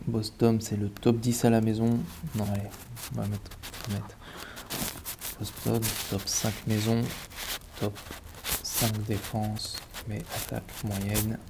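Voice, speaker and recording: A man with a cold, a sports betting analyst with a lowish, gravelly voice, thinks aloud through basketball stats in casual match analysis. He mutters and repeats words while eating, over a noisy background.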